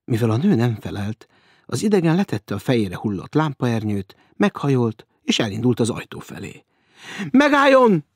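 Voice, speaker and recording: A man's voice: medium pitch, very animated, darkish tone, husky, dry recording. A man narrating an audiobook in a dry, wry storytelling manner, close to the mic. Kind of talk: scripted narration.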